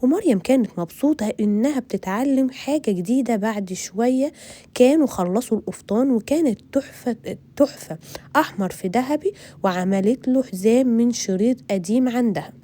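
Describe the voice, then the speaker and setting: Egyptian woman storyteller for children, friendly, mellow. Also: a little high, brisk. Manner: friendly, addresses children directly.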